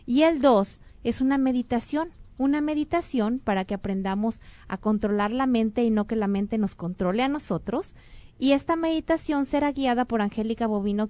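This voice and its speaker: A Mexican woman hosts a radio or online show, making casual spoken announcements and introducing a guest. She talks earnestly and rambles, using fillers and correcting herself. Her voice is a little high and mellow, with no echo.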